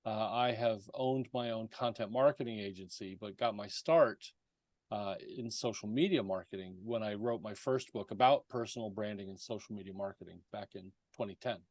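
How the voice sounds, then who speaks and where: A man's voice: fairly low pitch, normal speed, darkish tone, dry recording. A man guesting on an interview podcast, talking about his writing work in an easygoing, joking way with fillers. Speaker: guest, content writer. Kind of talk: casual interview chat.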